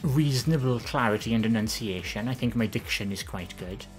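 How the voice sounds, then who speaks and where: Here the Welsh streamer from the Valleys talks a little fast, casually responding to viewers' questions with faint music playing. Her voice stays soft and gentle yet low, less feminine in tone, and her chatter rambles with many ums and corrections.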